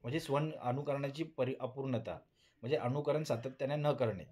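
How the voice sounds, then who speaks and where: A man's voice: mid-range voice, brisk, mellow. A man giving a recorded lecture, reading out points, repeating them and often restarting words. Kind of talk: recorded Marathi linguistics lecture.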